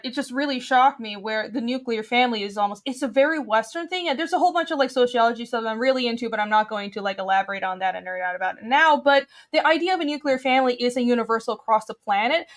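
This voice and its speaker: A woman's voice: a little high, quick pace, few pauses. Opinionated young woman from Taiwan. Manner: opinionated, earnest, talks in long run-on thoughts. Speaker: guest. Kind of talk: casual podcast chat.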